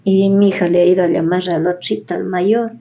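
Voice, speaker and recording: A woman's voice: lowish voice, fairly even intonation, brisk, phone-quality sound. A middle-aged woman with an Ecuadorian accent tells her own story in a radio interview, acting out the conversations as she retells them. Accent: Ecuadorian Spanish. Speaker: interviewee, head of a families' association. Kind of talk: personal testimony on community radio.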